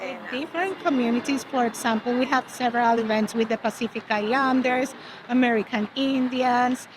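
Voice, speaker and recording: A woman's voice: a little high, normal speed. A woman, a community health worker, speaking matter-of-factly in an interview clip. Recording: noisy background.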